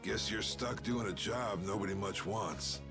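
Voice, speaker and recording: A man playing a gruff, stoic old guild boss in a video game, speaking with blunt, folksy authority. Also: fairly low pitch, measured pace. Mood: wry, defiant. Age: older. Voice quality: gruff, gravelly. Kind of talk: dramatic video game dialogue. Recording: game audio with loud music.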